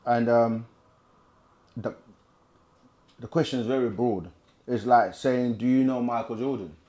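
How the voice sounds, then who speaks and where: In a mellow, medium-pitched voice and at a slightly slow pace, a man hosts a live Q&A stream. Viewer questions get read aloud from the chat and answered at length, casually and conversationally, with plenty of repetition.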